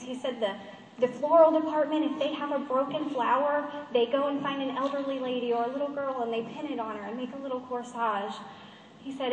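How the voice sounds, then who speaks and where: A high-pitched woman speaks earnestly to a conference crowd, close to tears as she tells her story. She sounds distant from the mic, and her voice rings through a big echoing hall with a faint background hum. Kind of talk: motivational presentation. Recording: echoey hall, far from the mic.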